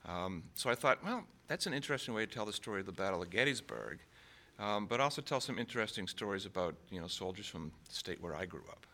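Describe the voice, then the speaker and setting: Male author guest from Maine; lowish, bright voice; halting interview talk full of ums. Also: animated. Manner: hesitant, many fillers and restarts. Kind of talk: conversational interview.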